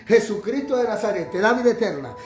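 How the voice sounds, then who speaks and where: A man's voice: sits high, expressive, fast. Fervent man preaching in an echoey room. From Honduras. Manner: fervent, repetitive preaching cadence. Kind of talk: sermon. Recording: roomy echo with faint music behind.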